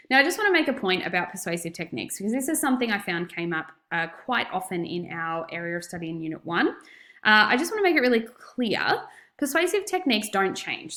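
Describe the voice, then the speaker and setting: Female teacher, Australian accent, medium pitch. Instructive recorded lesson with emphatic key points, noticeably echoey room. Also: a bit bright. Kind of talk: recorded classroom lesson, explanatory.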